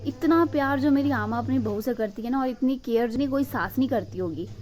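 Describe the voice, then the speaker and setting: A young woman from Himachal Pradesh chatting warmly to her viewers in a casual home vlog, recorded on a phone indoors. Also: fairly high pitch, fairly quick, rough recording. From Himachal Pradesh, India. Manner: chatty and affectionate, talking to the viewers while doing chores. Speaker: vlogger.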